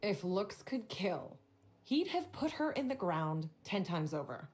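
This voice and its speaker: Game NPC: a polite but catty hotel clerk, formal phrasing, slightly low voice. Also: female voice, big pitch swings, measured pace, a little mellow. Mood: gossipy. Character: prim gossipy female hotel desk clerk. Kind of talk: video game voice acting.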